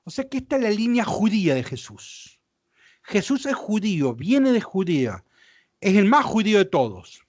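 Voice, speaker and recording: A man teaching a Bible lesson from slides, explaining step by step and often asking his listeners whether it is clear. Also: high voice, sing-song, moderate pace, darkish tone, no echo. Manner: explanatory, checks understanding with questions. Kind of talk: lecture with slides.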